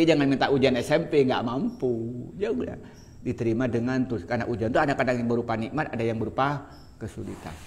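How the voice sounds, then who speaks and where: A man's voice: mid-range voice, slight background noise. A middle-aged man giving a religious lecture to a live audience, chatty and joking, often asking the listeners questions. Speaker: Islamic preacher.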